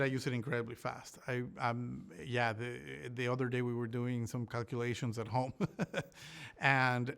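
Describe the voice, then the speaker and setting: Man from Ecuador, smooth voice, halting. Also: medium pitch, fairly bright tone. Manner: thoughtful, many restarts and fillers. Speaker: olive researcher. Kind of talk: interview answers.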